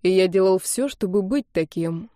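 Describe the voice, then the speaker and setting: A woman reading the lines of a gentle, teasing young man in love in an audiobook, speaking softly and unhurriedly in a mellow voice. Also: mid-range voice, animated, normal speed, dry recording, studio quality, natural voice.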